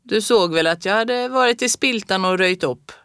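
A woman voicing a kindly old rural grandfather who talks slowly and plainly. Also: medium pitch, fairly bright tone, clean tone, no echo, studio quality, lightly acted. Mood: gentle. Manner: slow, homely, plain-spoken.

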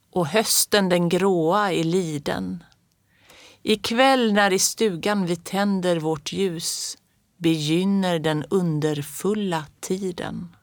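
A reader voicing an old grandmother in a storybook tale, speaking slowly, softly and solemnly. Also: medium pitch, dry recording, studio quality, close to an everyday voice. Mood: hushed solemn. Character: solemn old grandmother, gentle keeper of secrets.

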